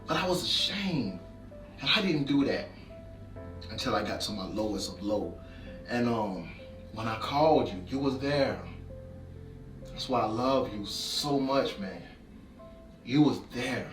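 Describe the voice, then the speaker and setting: A man's voice: medium pitch, expressive, unhurried, pauses often, fairly bright tone. A man giving an emotional, heartfelt spoken tribute that keeps building into impassioned repetition. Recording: echoey room, distant mic, faint music.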